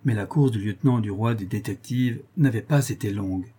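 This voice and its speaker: Husky, dark-voiced male narrator. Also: fairly low pitch, a little fast. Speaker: audiobook narrator. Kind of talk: scripted narration.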